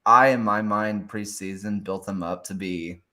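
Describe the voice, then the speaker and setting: A man's voice: fairly low pitch, fairly even intonation, a little slow, pushed and bright. A man co-hosting a soccer show in casual chat, hesitant, often trailing off and restarting his thoughts.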